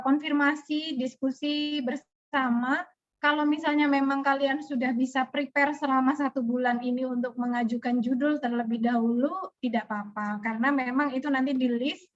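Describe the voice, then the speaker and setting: A woman teacher from Indonesia giving students a casual, chatty briefing on a video call, with loose phrasing and frequent restarts. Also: sits high. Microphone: video call audio. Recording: muffled video call audio.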